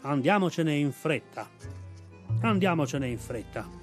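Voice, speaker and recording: Plodding, solemn oxen, voiced by a male reader; slightly higher than his usual voice. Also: lively intonation, measured pace, soft background music. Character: slow plodding pair of oxen. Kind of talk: audiobook reading.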